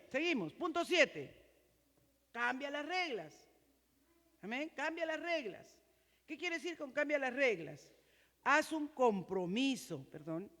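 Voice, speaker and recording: A woman pastor with a Peruvian Spanish accent preaching a sermon in a high, strong voice, earnestly asking the congregation questions. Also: a bit bright. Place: church. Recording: reverberant church hall.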